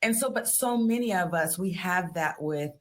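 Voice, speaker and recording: Telling personal stories as a guest on a casual interview, this woman acts out reactions with lots of expression. Born in New York in the United States, she works as a tantric therapist and psychotherapist, and her lowish voice has lively intonation at a moderate pace.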